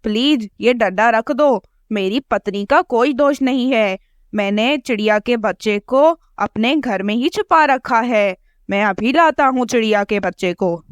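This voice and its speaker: A woman doing a cowardly male cartoon crow, frightened, begging, loud. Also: a little high, unhurried, no room sound, clean studio sound, natural voice.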